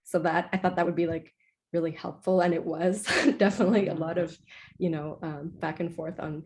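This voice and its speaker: A woman's voice: on the low side, steady tone, fairly quick, darkish tone. A young woman from Iceland, a composer answering interview questions in a casual, chatty way, full of "like"s and self-corrections.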